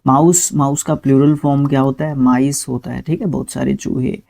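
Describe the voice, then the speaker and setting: This is a man with an Indian accent teaching English words, his voice warm and soft-edged rather than bright. He works slowly through each word, switching between Hindi and English as he explains. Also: mid-range voice, steady tone, creaky. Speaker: vocabulary teacher. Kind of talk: spelling and vocabulary lesson.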